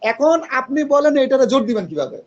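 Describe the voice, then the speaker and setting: High-voiced man teaching grammar online. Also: very animated, quick pace, muffled recording. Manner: patient, questioning students, mixes English terms. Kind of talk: online class explaining grammar.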